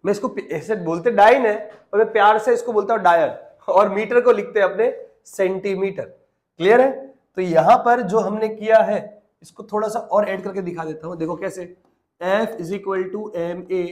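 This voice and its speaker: Man, high-pitched voice, physics teacher, coaxing classroom delivery, checks in with students. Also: moderate pace. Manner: coaxing, asks the class check questions, mixes English terms into Hindi. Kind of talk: online classroom lesson.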